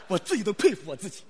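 Boastful high-voiced crosstalk comedian. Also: male voice, big-room sound, slight background noise. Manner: boastful, exaggerated, bursts into shouted punchlines. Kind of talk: xiangsheng crosstalk performance.

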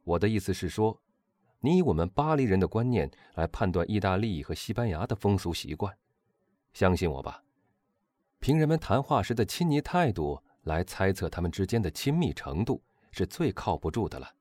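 Composed young gent, steady and polite, guy reader voicing him, dry close sound. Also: deep voice, no room sound. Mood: calm. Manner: calm, measured. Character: calm composed young gentleman.

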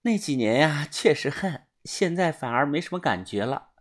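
A world-weary young woman who tells hard things plainly, voiced by a woman reading the story. The tone is wry and matter-of-fact. Her voice is low and breathy. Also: expressive, normal speed.

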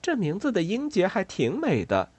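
A man reading a children's storybook voices a gentle new mother marmot, speaking softly and high. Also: wildly swooping pitch, moderate pace, breathy edge, no echo, heavily acted. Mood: tender.

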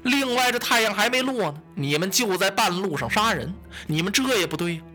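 A man voicing an unhurried, mocking male fortune-teller of about thirty in a told story. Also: sits high, expressive, sharp tone, soft background music. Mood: calm. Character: calm, wry male fortune-teller, thirtyish, master fighter.

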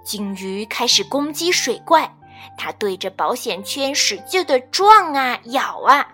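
A woman reading a children's storybook aloud, expressive and measured. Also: fairly high pitch. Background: faint children's music.

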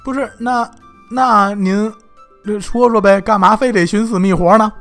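A man's voice: high-pitched, fairly even intonation, normal speed, fairly bright tone, faint music behind, pitched above the performer's own voice. A male storyteller voicing a good-natured young hero who eagerly talks a stranger out of despair.

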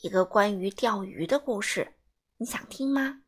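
A woman voicing a kind, wise old grandmother in a storybook reading, with a lower, gentle and patient voice. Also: normal speed, close to an everyday voice. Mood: playful.

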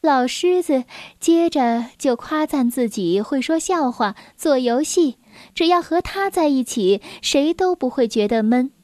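A woman narrating a children's story in a gentle, expressive read-aloud manner, adding little asides to young listeners. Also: high-pitched, a little slow, no room sound.

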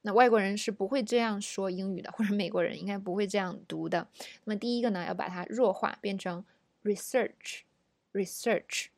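A woman's voice: mid-range voice, a little mellow, no echo. Patient woman teaching pronunciation, dry sound. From China. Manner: patient explaining, models English words slowly. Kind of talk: spoken language lesson.

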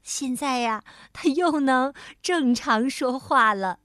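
Woman, children's storyteller, high voice, slow, gentle, talks to the child. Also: no echo, studio quality. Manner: gentle, addressing the child directly. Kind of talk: bedtime story narration for children.

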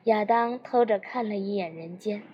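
A woman narrating a novel as an audiobook in an even storytelling manner. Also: mid-range voice, normal speed, slightly rough, highs cut off.

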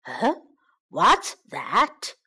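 Greedy laughing eagle, slow and gloating, kids' story, done by a woman. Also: medium pitch, huge pitch swings, bright, forceful tone, breathy edge, pitched below the performer's own voice, heavily acted. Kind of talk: bilingual children's storybook reading.

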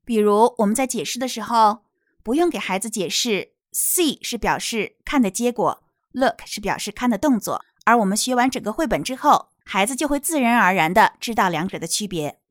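A woman teaching English pronunciation from a picture book, explaining slowly and demonstrating words. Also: on the high side, expressive, no room sound, clean studio sound.

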